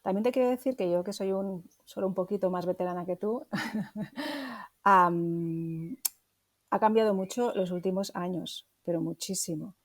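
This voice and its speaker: A woman's voice: mid-range voice, unhurried. A woman from Barcelona co-hosting a casual podcast, thoughtful and hesitant, often rephrasing mid-sentence. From Barcelona, Spain. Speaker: podcast co-host.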